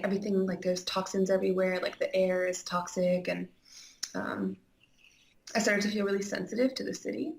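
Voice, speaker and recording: A woman's voice: medium pitch, gravelly, roomy sound, slight background noise, poor audio. A young woman from Iceland, an interview guest telling her personal story candidly, chatty and full of "like" and "um". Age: young adult. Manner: chatty, heavy use of "like" and "um", frank.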